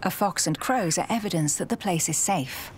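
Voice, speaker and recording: Lower-pitched woman narrating a nature documentary. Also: moderate pace, a little hiss or hum.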